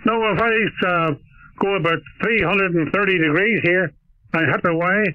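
A man from Ireland, heard over a shortwave radio as a ham operator, speaking in steady radio procedure and ending each turn with "over.". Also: high-pitched, moderate pace, no room sound. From Northern Ireland. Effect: heard over a shortwave radio receiver. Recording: tinny narrow-band radio signal.

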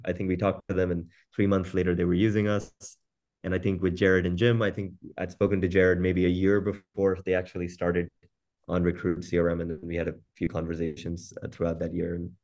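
Speaking in a low, slightly mellow voice, a man who founded a company walks through his product in a casual webinar on a video call, frequently repeating words along the way.

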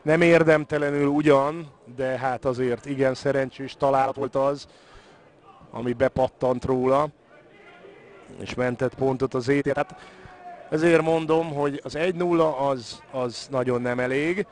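A man's voice: mid-range voice, steady tone. A man giving live football commentary, moving between naming the play and analysing the match.

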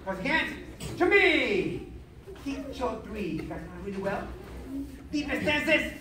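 Guy running a martial arts class, shouting counts and orders, super echoey gym, noisy. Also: very high voice, very animated, slow. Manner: barks commands and counts aloud to the class. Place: large indoor hall. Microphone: far-off camera. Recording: echoey noisy hall from far off.

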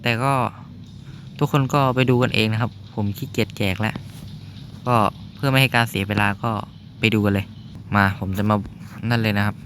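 A young man talks his way through a game in a loose, chatty manner, explaining moves and breaking off into short exclamations. His voice sits at an ordinary middle pitch. A faint noise hums behind him. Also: a bit bright. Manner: chatty, explains while playing, reacts with exclamations. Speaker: gaming YouTuber. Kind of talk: casual gameplay commentary. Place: noisy spot at home.

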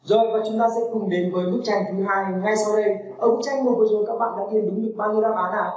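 A woman's voice: medium pitch, fairly even intonation, a little mellow, muffled recording. Patient woman teaching English in an echoey room. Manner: patient, repeats model phrases slowly. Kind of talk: online English lesson with repeated drills. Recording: echoey room, mic at a distance, faint music.

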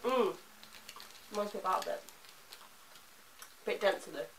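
A woman's voice: medium pitch, moderate pace, far from the mic, low-quality recording. A young woman chats in an easygoing, self-deprecating way with her mouth partly full. Her voice sits in a middle range, with a little faint noise in the background. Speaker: vlogger tasting diet snacks with her mother. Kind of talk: casual chat.

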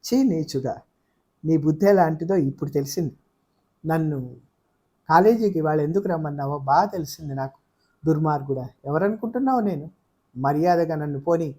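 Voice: mid-range voice, normal speed, mellow, close to an everyday voice. A reader voicing a furious young woman. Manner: scornful, accusing. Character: angry young woman lashing out. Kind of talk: audiobook character voice.

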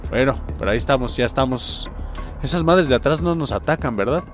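A young man with a Mexican Spanish accent giving excitable, profanity-filled commentary while he plays a game, often breaking into sudden yelps and shouts. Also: mid-range voice, brisk, faint music behind. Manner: excitable, swears a lot, jumps to yelps and shouts. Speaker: gaming channel host. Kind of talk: casual gameplay commentary.

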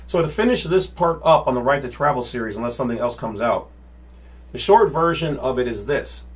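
A channel host in his forties gives a casual explainer to the webcam at his desk, in a home office lined with bookshelves and monitors. His medium-pitched voice is brisk with lively intonation, and he gestures with his hands, checking in with "all right?" and "okay?" after his points.

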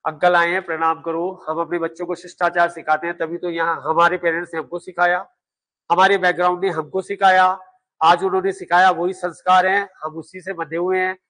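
A man's voice: high voice, little pitch movement, a little fast, pushed and bright. A middle-aged man teaching a coaching class, emphatic and repetitive, firing rhetorical questions at students. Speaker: law exam coaching teacher. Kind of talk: classroom lecture.

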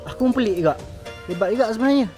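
A man with a Malaysian Malay accent, chatting excitedly to viewers on a walking tour vlog through an outdoor petting zoo. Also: sits high, rapid-fire, faint music behind. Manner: chatty, excitable, keeps addressing viewers as guys. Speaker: vlogger.

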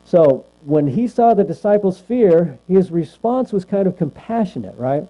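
A man teaches a Bible class conversationally, frequently asking the group questions and checking in with "right?". His high-pitched voice has lively intonation and an unhurried pace, on a lo-fi recording with mains hum.

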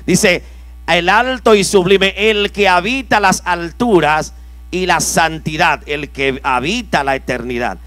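Fervent preaching pastor, dry close sound. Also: male voice, no echo. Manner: preaching with call-and-response prompts to the congregation; reads scripture slowly, dropping low and soft. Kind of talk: sermon. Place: church conference hall.

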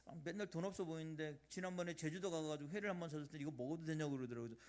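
A middle-aged man preaching a sermon as pastor of a church, animated, swinging between loud emphasis and quiet asides. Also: a little high, rapid-fire. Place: church sanctuary.

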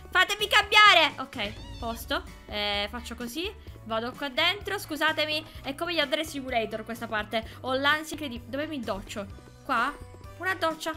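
A young woman gamer chatting to her viewers while playing, excitable and talkative. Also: a little high. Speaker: gaming YouTuber. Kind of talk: let's play commentary. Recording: game music behind.

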